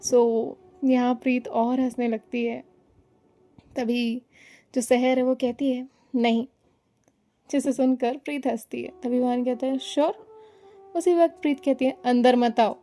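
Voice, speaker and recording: A woman narrating a romance story, reading all the characters' lines herself in a calm, even voice. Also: high-pitched, a little slow, long pauses. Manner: reads every character's lines in her own voice, calm and even.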